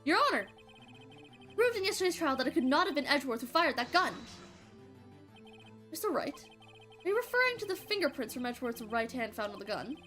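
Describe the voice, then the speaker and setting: A woman's voice: high-pitched, sing-song, brisk, long pauses, sharp tone, faint music behind, exaggerated voice. A woman voicing an earnest young male defense attorney, speaking emphatically.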